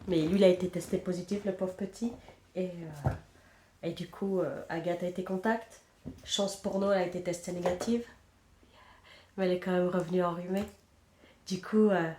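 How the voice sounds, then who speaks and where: A woman in her thirties, nose stuffed up from a cold, hosts a knitting podcast, chatting casually and teasing herself as she knits at home and trailing off as she counts stitches. Her voice is fairly low and warm, in a reverberant recording with a little hiss or hum.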